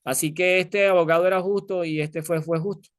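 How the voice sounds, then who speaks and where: A man's voice: high-pitched, steady tone, fairly quick, smooth, no echo, clean studio sound. A man preaching a conversational sermon, telling an illustration and asking his listeners many rhetorical questions.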